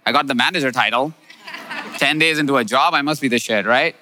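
Animated man telling a story, bright voice. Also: mid-range voice, a little fast, a little hiss or hum. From India. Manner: animated storyteller, acts out quoted dialogue, laughs often. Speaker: business coach. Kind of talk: storytelling in a podcast talk.

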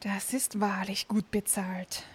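A woman's voice: medium pitch, little pitch movement, measured pace, mellow, close to an everyday voice. A woman voicing a greedy, violent peasant man who speaks bluntly.

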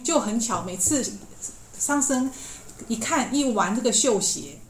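A woman's voice: fairly high pitch, lively intonation, a little slow. A woman podcast host animatedly retelling a classic tale, with many fillers and acted-out quotes. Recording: echoey room with faint hiss.

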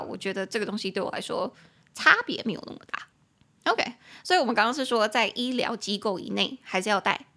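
A young woman with a Taiwanese Mandarin accent, hosting a casual podcast lesson, chatty, spelling words out and repeating phrases slowly. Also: a little high, a bit bright. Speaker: English teacher, podcast host.

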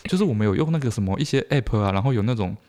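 Podcast co-host: Taiwanese-accented man, extremely quick delivery, slangy and blunt, casual banter. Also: on the low side, expressive, a little mellow. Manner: blunt, slangy, repeats phrases for emphasis.

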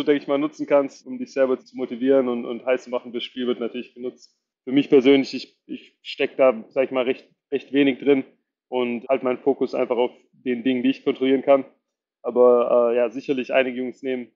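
A man's voice: medium pitch, little pitch movement, a little fast, muffled recording. A young man from Germany, a football player, answering interview questions hesitantly with many fillers and repeated words.

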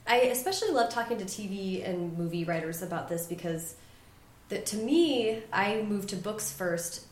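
A woman's voice: mid-range voice, expressive, normal speed, echoey room. A woman hosting a podcast, asking questions in an upbeat, enthusiastic way. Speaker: podcast host. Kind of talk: casual interview.

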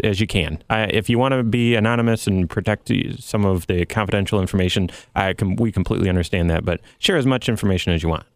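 A man, a financial planner on a radio show, explaining in a measured, encouraging way with halting restarts. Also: fairly low pitch, dry recording.

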